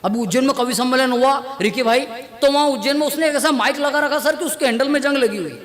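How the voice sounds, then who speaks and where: A comic poet on stage, telling chatty, self-mocking stories and acting out the dialogue. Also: male voice, very high voice, quick pace, a bit bright, long reverb tail. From India. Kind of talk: stand-up storytelling at a poetry gathering. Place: stage at a poetry gathering. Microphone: stage mic on a stand.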